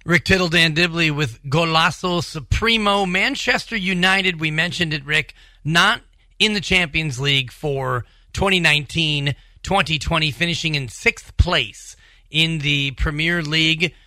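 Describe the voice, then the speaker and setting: Very bright, forceful male sports host. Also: on the high side, a little slow, no room sound. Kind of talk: presenting recaps and asking questions.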